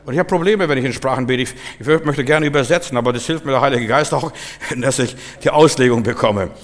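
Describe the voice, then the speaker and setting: An older man delivers a charismatic sermon in a reverberant hall, his voice set at an ordinary middle pitch. He drops into hushed, confiding asides, then climbs into loud, forceful commands. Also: fast. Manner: swings between soft, low asides and loud, forceful commands. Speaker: preacher.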